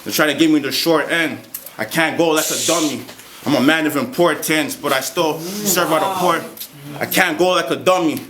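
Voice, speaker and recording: A man delivering a confrontational battle rap verse live, steady rhymes with the odd stumble and laugh. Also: a little high, moderate pace. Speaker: battle rapper. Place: live battle rap event in a roomy venue. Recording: roomy live venue with crowd noise.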